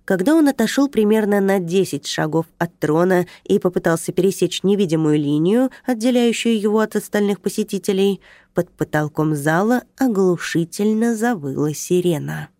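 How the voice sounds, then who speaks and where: A woman narrating a story aloud in an expressive, even reading voice. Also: medium pitch, normal speed, dry recording. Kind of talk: audiobook reading.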